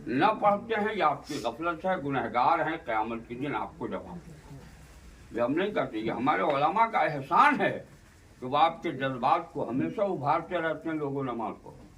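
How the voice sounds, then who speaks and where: A man delivers a fiery sermon to a gathering, his high, bright voice climbing into impassioned shouts. He sounds set back from the microphone, with the space around him audible. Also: expressive, a little slow, far from the mic. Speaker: religious orator. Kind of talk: fiery public speech.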